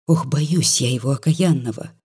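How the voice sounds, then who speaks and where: A reader voicing a frightened young village woman who speaks in a hushed, worried way. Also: a bass voice, normal speed, slightly rough, exaggerated voice. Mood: fearful. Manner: hushed, fearful.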